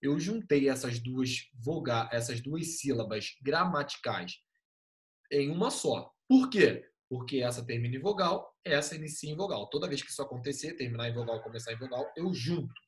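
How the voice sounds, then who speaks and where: A man's voice: mid-range voice, lively intonation, moderate pace. A young male teacher giving an online class over a computer mic, explaining step by step in a patient, casual way with easygoing slang.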